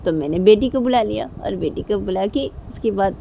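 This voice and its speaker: A woman's voice: a little high, quick pace, darkish tone, slight background noise, voice pushed up, natural voice. A woman voicing a mischievous young woman who teases and playfully defies her partner. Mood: teasing. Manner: teasing, easygoing, playfully defiant.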